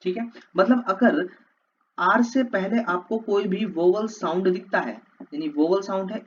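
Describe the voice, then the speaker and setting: A man teaching a class, asking questions and having the listeners repeat words back to him. His voice sits a bit high for a man. The audio is slightly dull and lo-fi, with a faint hiss behind it. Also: a bit bright. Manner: repetitive call-and-response drilling. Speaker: English teacher. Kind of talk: classroom lecture for exam prep.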